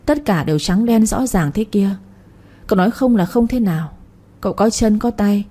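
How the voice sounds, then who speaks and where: A man's voice: high-pitched, animated, normal speed, dark tone. A woman voicing a powerful older male magistrate who speaks coldly and commandingly in a storybook reading. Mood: menacing. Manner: cold, commanding, menacing.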